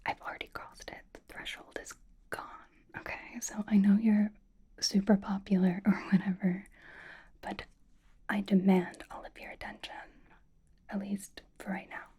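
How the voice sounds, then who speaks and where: A woman speaks almost entirely in a hushed whisper, her tone dark and mellow. She talks straight to the listener, teasing and blunt, like a friend sitting across a library table. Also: medium pitch, level tone, normal speed. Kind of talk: whispered roleplay monologue to the listener.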